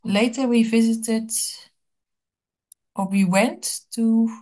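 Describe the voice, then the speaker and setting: Hesitant slow-talking woman language learner. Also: on the high side, fairly even intonation, mellow. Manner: hesitant, thinking aloud with many uh fillers. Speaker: language student. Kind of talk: one-on-one language lesson.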